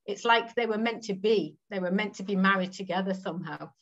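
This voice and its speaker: Briskly, in a mid-range voice, an English textile artist in her 40s talks as a video-call interview guest from a room at home with green walls. She's chatty and thoughtful, full of trailing asides and tag questions, and the call audio is slightly dull.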